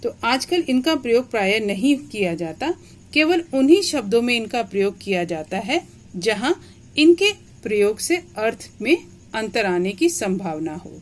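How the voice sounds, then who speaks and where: A woman teacher with a somewhat high voice walks a class through a grammar lesson. She explains each point step by step and keeps asking small questions to check that the students follow. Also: sing-song, normal speed.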